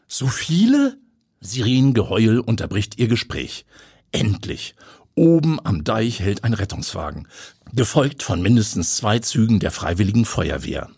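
A man reading a story aloud with vivid, expressive storytelling. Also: fairly low pitch, moderate pace, vocal fry, husky, dry recording, clean studio sound. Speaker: narrator.

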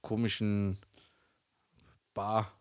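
A young man co-hosting a casual podcast chat, telling an animated anecdote and acting out the voices of the people in it. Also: on the low side, extremely slow. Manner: animated anecdote-telling, acts out quoted dialogue. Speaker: podcast co-host.

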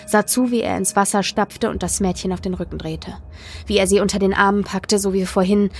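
A woman with a medium-pitched voice works as an audiobook narrator, reading a first-person story aloud in a measured, dramatic way.

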